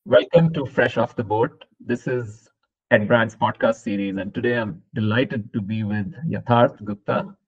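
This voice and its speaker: A man hosting a podcast, asking long, winding questions in a measured conversational way, on slightly muffled audio. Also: fairly low pitch. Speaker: podcast host. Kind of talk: conversational interviewing.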